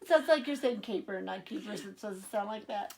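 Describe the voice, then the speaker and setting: A woman's voice: mid-range voice, animated, normal speed, heavy background noise. Teasing woman co-hosting a sewing show. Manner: teasing, jumps in with jokes. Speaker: co-host, the host's mother. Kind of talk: casual live sewing broadcast.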